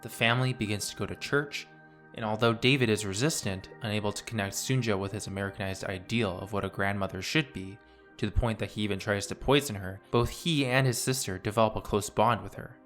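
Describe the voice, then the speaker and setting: A man in his twenties narrating a scripted video essay in a measured, analytical way. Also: fairly low pitch, a bit bright, faint music behind.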